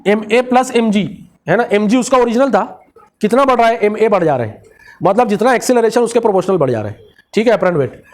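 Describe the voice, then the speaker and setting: A man's voice: high-pitched, expressive, fast talker. A man teaching a physics lecture with a Marathi-influenced Hindi accent. He mixes English technical terms into his speech, asks the class questions and answers them himself.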